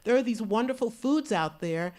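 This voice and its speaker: A woman's voice: fairly high pitch, animated, moderate pace, dark tone. A woman in the audience sharing a rambling personal comment at a conference, with light laughs. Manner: meandering, chatty, laughs lightly. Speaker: audience member. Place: conference hall.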